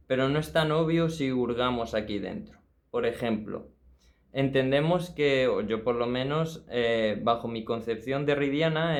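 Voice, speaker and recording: A man talks to camera in a mid-pitched voice. He muses slowly through a philosophy topic, hesitant and thoughtful, often restarting and asking his listeners rhetorical questions. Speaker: channel host. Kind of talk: personal philosophy talk to camera.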